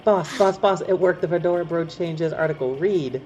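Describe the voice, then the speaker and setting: A man with a dark, mellow voice reads game lines aloud and makes dry jokes while he plays with friends. The audio is dull and lo-fi, with faint music behind. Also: on the high side, moderate pace. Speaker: gamer. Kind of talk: casual game stream chat.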